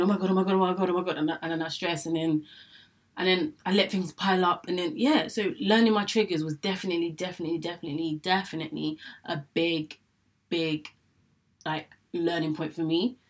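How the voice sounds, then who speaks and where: A young adult vlogger from England tells the story of her illness in a voice on the low side, steady and quick. Candid and chatty to camera, she often says things twice and acts out how she used to think.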